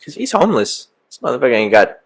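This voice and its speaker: A man's voice: medium pitch, big pitch swings, fast talker, gravelly, breathy edge. A young man casually telling a profane story about a night out. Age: young adult. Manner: profane, laid-back storytelling.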